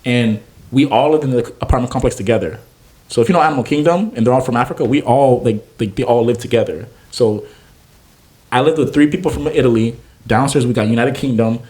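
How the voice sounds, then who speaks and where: A young adult man from Naples, Florida, who is a chef and food truck owner, speaks in a mid-range voice at a quick pace. In a casual interview he tells stories as an animated storyteller, acting out the voices of the people he quotes.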